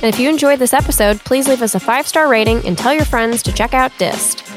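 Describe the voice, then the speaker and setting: A woman co-hosting a podcast with a gravelly, fry-edged voice, moving between scripted narration and casual banter. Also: a little high, quick pace, over music. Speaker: podcast co-host.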